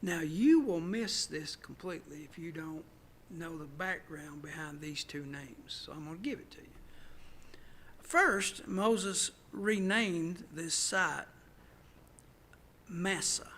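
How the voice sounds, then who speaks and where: A man, a pastor, teaching a Bible study, stressing words loudly and then dropping to hushed asides. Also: on the high side, slow pace. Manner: emphatic, swings from loud stresses to hushed asides. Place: church.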